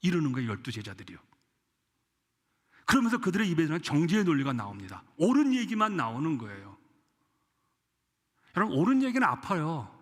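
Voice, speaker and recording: A man's voice: a little high, wildly swooping pitch, brisk, long pauses. Impassioned male pastor in an echoey church. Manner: impassioned preaching, acting out quotes. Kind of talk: sermon. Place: church sanctuary.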